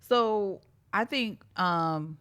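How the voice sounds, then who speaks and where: A woman co-hosting a podcast in casual chat, reflective and candid, often pausing with "um" and "like". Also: mid-range voice, a bit bright, clean tone, no echo, clean studio sound. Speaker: podcast co-host.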